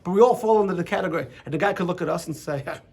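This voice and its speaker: Chatty rabbi man, slightly high voice. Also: very fast, darkish tone, slightly rough. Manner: chatty, many restarts and asides. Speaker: rabbi teaching a class. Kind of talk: Torah lesson with casual storytelling. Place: classroom with students.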